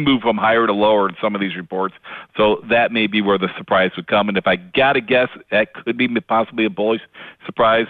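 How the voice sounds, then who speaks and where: A man giving market commentary over the phone, talking casually with fillers and quick restarts. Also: on the low side, dry recording. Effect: heard over the phone. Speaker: grain market analyst. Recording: tinny dry phone line.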